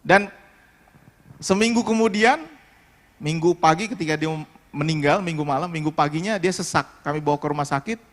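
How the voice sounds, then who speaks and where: A man's voice: fairly high pitch, moderate pace, pauses often, big-room sound. A male pastor giving a sermon and telling a personal story in an emotional, conversational way, speaking straight to the congregation. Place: worship hall.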